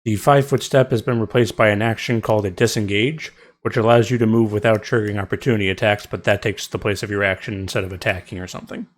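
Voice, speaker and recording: A man's voice: lowish voice, fairly even intonation, fast talker, few pauses. A man as game master, explaining rules and narrating the scene with frequent ums and restarts. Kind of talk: narrating and ruling a tabletop game.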